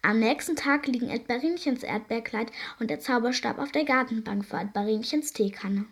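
A woman reading a children's story aloud in a gentle, lively way. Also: fairly high pitch, moderate pace, husky.

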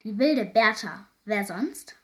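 A woman reading a storybook aloud, voicing a cheeky, stubborn little girl who talks back loudly. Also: mid-range voice, animated, slow. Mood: defiant. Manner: loud and stubborn.

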